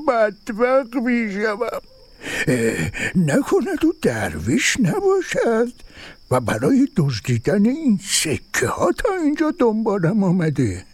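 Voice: medium pitch, wildly swooping pitch, slightly rough. A performer voicing a fearful wandering dervish man who stammers and whimpers in an audio story. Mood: frightened. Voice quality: stammering, whimpering when afraid. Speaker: first dervish.

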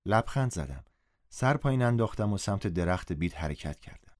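A man's voice: low voice, lively intonation. A man narrating a story in first person, reading the dialogue aloud with a raised voice. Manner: reads dialogue in a raised, louder voice.

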